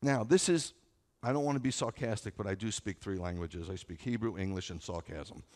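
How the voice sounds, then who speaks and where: Speaking at a pulpit in a big, echoing sanctuary before a seated congregation, this middle-aged American man preaches a sermon as a rabbi. His voice is lowish, brisk, and a bit mellow, and his wry, conversational style leans on repetition and rhetorical questions.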